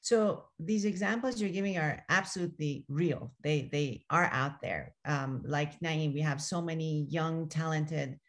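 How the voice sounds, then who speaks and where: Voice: medium pitch, a little slow, few pauses. Enthusiastic moderator asking long questions. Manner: enthusiastic, hesitant with fillers. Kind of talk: panel discussion moderation.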